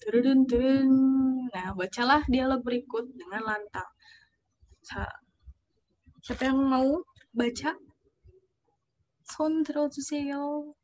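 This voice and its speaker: A woman's voice: high-pitched, steady tone, a little slow, long pauses, muffled recording. A young woman teaching a language class over a video call. She explains step by step, checks often whether students follow, and reads out example phrases. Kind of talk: online class lesson.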